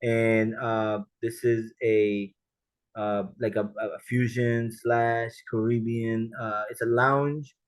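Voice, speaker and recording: A male podcast guest with a mid-pitched voice, talking loosely in casual chat. He laughs often and trips over his words as he restarts sentences. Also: level tone, slow pace, smooth, rough recording. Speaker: guest, film director.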